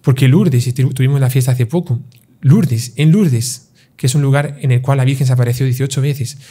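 Calm, mellow-voiced priest explaining. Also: male voice, medium pitch, husky. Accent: Spanish-speaking. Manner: calm, measured, teaching with parables and rhetorical questions. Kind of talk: explanatory religious talk.

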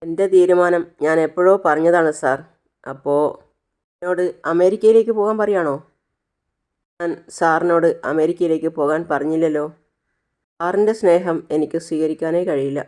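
Woman retelling a serial in a mellow voice. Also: deep voice, fairly even intonation, a little fast. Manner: retells scenes, acting out each character's lines. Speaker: serial recap narrator. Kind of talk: storytelling recap of a TV serial.

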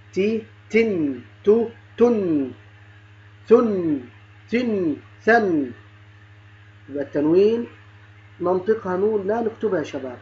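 A man's voice: high voice, highs cut off. A man teaching a grammar lesson to young pupils, patiently repeating words, sounding out letters and praising the children. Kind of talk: primary-school grammar lesson.

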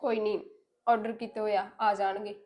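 A young woman playing a lazy, sharp-tongued young wife who bickers and defies her family in a village family drama. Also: mid-range voice, little pitch movement, normal speed, natural voice. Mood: defiant. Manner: defiant, bickering.

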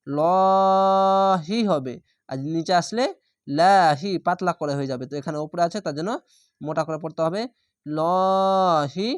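A man teaching Quran reading, spelling each word letter by letter and vowel by vowel, then reciting the whole word in a slow, drawn-out way. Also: a little high, no echo, clean studio sound.

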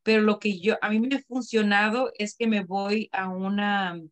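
A woman's voice: mid-range voice, fairly even intonation, normal speed. A woman, a class participant, casually sharing a practical tip with the others. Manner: friendly, shares a practical tip.

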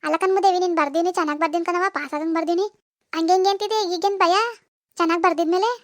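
A woman's voice: extremely high pitch, fairly even intonation, very fast, no echo, clean studio sound. A woman voicing a scolding, mocking village mother in a cartoon, with a rural Karnataka Kannada accent. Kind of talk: cartoon voice acting.

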